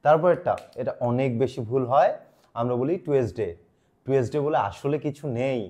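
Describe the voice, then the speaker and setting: A man teaching English pronunciation in a lively, encouraging way, repeating words for the listener to copy. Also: medium pitch, fairly quick. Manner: drills words aloud, animated and encouraging. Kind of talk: pronunciation lesson.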